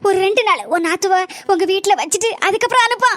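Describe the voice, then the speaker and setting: Cartoon casting: shrill, fast-talking, scheming mother-in-law with a Kanyakumari Tamil accent, bright dry sound. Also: no echo. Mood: pleading. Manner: shrill, rapid, repeats words insistently. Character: scheming middle-aged mother-in-law, defensive and pleading. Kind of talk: cartoon voice acting.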